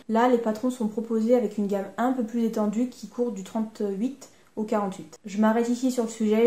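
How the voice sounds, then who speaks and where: A woman's voice: medium pitch, mellow. A woman with a French accent, telling a sewing vlog story in a chatty, self-mocking way. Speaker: sewing vlogger. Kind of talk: casual vlog narration. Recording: echoey room.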